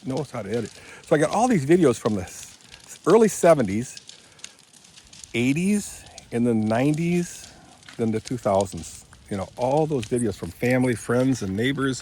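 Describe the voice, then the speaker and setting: A Michigan man in his seventies rambles casually in a vlog while working outdoors on rural land, often correcting himself, filmed on a handheld phone camera. His voice is mid-range with a dark tone, over slight background noise.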